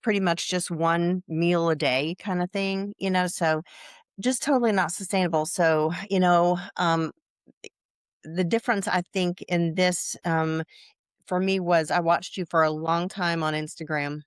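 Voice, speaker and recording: A woman in her sixties, interviewed as a client, talking in a halting way with many fillers and restarts. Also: on the low side, steady tone, clear, resonant tone, no echo, clean studio sound. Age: 60s. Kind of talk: casual interview.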